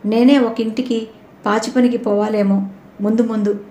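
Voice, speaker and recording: A woman's voice: a little high, fairly even intonation, moderate pace, mellow, a little hiss or hum, natural voice. A woman voicing an indignant young bride with an accusing manner, in an audio novel reading. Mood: bitter. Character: young bride, bitter and defiant. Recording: roomy echoey recording.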